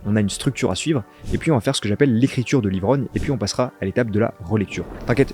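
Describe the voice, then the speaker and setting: A man's voice: mid-range voice, a little mellow. A man, a copywriter, giving a casual video tutorial, talking straight to the viewer in an informal, slangy way. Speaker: copywriter teaching ad scripting.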